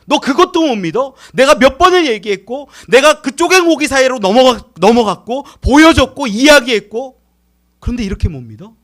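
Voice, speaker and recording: A man voicing God as stern and indignant, firing loud rebuking questions. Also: very high-pitched, expressive, normal speed, voice pushed up.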